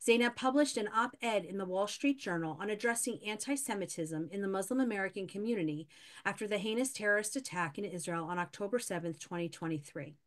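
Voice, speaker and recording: A woman hosting a webinar, reading speaker introductions in a steady, formal way. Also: mid-range voice. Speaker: event host.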